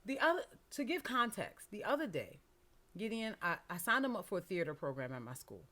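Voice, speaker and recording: A woman's voice: mid-range voice, a little fast. A middle-aged woman telling a personal story in an interview, acting out the dialogue with lots of feeling. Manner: animated, acts out quoted dialogue. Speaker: guest.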